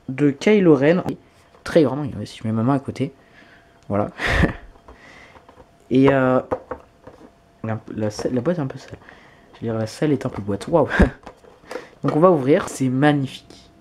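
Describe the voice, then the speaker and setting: A man with a mid-range, darkish voice records an unboxing vlog at home as a YouTuber. He enthusiastically gushes over each item, exclaiming frequently.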